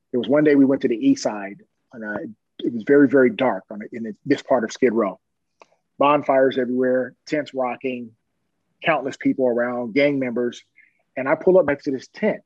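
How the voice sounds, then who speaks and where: A middle-aged police officer telling personal stories in an interview, earnest and plain-spoken, often chuckling. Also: male voice, mid-range voice, breathy edge, no room sound, dull audio.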